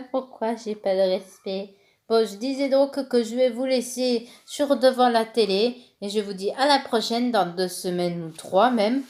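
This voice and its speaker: A woman's voice: a little high, unhurried, darkish tone. A woman hosting her own vlog, rambling and teasing her boyfriend in casual chat. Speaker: channel host.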